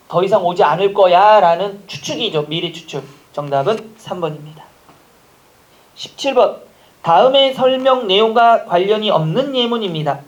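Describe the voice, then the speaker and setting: A man's voice: high-pitched, lo-fi sound. A man in his forties teaching an exam-prep grammar lecture, chatty, asking rhetorical questions and acting out short dialogues.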